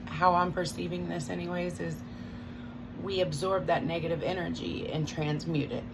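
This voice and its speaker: A woman's voice: fairly low pitch, fairly even intonation, normal speed. A woman chewing gum while she gives a casual, hesitant, rambling spiritual talk as a tarot reader. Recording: loud background noise.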